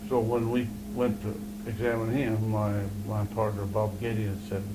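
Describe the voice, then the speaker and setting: A man's voice: lowish voice, flat delivery. Folksy older man, noisy old recording. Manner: halting, folksy storyteller. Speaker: interviewee. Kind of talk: casual reminiscing interview. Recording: noisy 1981 amateur interview recording.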